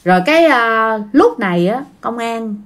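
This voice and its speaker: A woman tells a ghost story and keeps speaking straight to her listeners. Her voice is fairly high, and her pitch rises and falls in a lively way. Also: normal speed. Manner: chatty, addresses listeners directly. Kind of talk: spoken ghost story narration.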